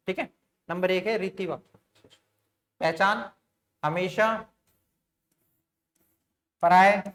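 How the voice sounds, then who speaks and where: A man teaching an online grammar lesson, explaining step by step and often putting questions to his students, with frequent fillers. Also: high-pitched. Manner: sprinkles fillers like "theek hai" and "bhai".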